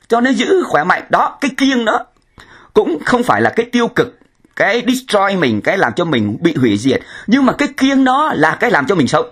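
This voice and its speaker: Man, priest preaching a sermon, husky, lively swooping pitch, emphatic rhetorical questions.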